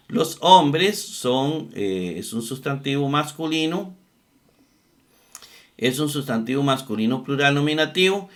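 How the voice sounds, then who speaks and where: A man's voice: on the high side, a bit bright. A man teaching a methodical lesson on Greek verb forms, repeating each term and thinking aloud as he looks things up. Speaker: Bible exegesis teacher. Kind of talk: slow screen-share lesson on Greek grammar.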